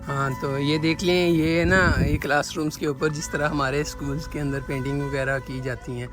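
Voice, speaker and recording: A man's voice: fairly high pitch, fairly even intonation, moderate pace, over music. A man from Pakistan with a Punjabi accent narrating a casual travel vlog, showing and explaining things conversationally as he walks around outdoors. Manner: conversational show-and-tell with repeated pointing phrases. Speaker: travel vlogger. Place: outdoors in a windy rural village.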